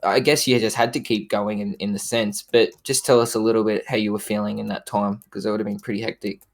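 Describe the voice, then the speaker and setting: A man's voice: fairly low pitch, flat delivery, fast. A man, interviewing in a casual, chatty style. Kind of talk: casual post-season interview.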